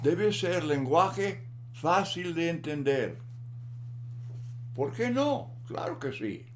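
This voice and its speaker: A man giving a Bible lesson in a slow, deliberate manner, often repeating words for emphasis. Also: on the high side, big pitch swings, slight background noise. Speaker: Bible teacher.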